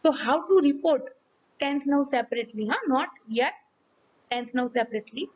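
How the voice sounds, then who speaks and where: Hoarse, high-voiced woman teaching. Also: moderate pace, darkish tone, dull audio. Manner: checks in often with "okay?" and "ready?". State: hoarse from yelling. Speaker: physiology teacher. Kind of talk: medical lecture with demonstration.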